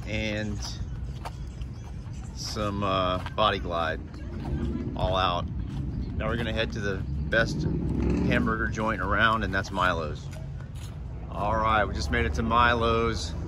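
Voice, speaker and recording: An easygoing man in his fifties with a drawl chats to the phone he holds at arm's length, rambling along with plenty of fillers. His voice sits a little low, and steady street and traffic noise runs under it. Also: slow pace, long pauses. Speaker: hiker vlogger. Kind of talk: casual vlog to camera. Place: outdoors in parking lots and streets. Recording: noisy outdoor phone recording.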